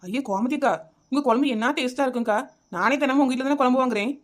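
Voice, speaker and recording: Woman playing a sharp-tongued young wife. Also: high-pitched, close to an everyday voice. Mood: defiant. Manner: teasing, rapid, defiant. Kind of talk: comic village skit acting.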